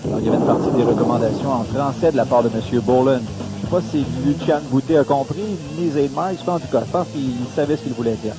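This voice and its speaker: A man's voice: medium pitch, quick pace, over loud music. A man with a Quebec French accent giving conversational play-by-play boxing commentary. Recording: noisy broadcast with hiss.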